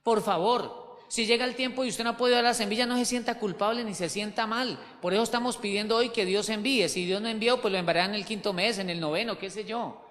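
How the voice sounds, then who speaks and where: A man's voice: sits high, fast talker, a bit bright. A man preaching a sermon as pastor to his church, emphatic, repeating key words and asking the congregation questions. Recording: long hall reverb.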